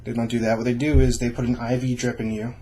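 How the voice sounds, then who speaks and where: A man's voice: mid-range voice, little pitch movement, fast, dark tone, slight background noise. A young adult man talking informally and reassuringly to camera, explaining things in a casual vlog style. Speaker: vlogger sharing own surgery experience.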